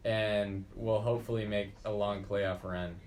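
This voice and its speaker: A man's voice: fairly low pitch, steady tone, measured pace, darkish tone, a little hiss or hum. A teenage boy co-hosting a casual school podcast, reading sports scores and joking around with his co-host.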